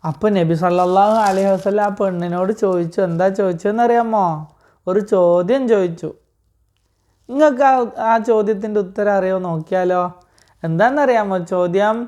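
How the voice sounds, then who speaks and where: A woman teaching a religious story to children, patient and slow, asking them questions and repeating the answers. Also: medium pitch, mellow.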